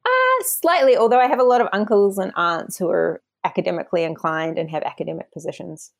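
An academic author from New Zealand, speaking with a broad New Zealand accent, appears as an interview guest and gives reflective, explanatory answers in a conversational way. Her fairly low voice has lively intonation and vocal fry, and she talks a little fast.

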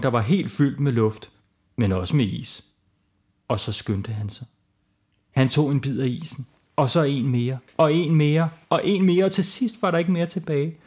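A man improvising a playful children's bedtime story as host, with lively narration. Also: mid-range voice.

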